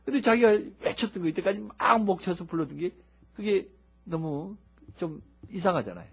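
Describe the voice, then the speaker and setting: A man preaching a sermon in a lively, humorous way, acting out people who shout as they pray. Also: high voice, normal speed, gravelly, husky. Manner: animated, humorous, acts out shouting worshippers. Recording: dull lo-fi recording.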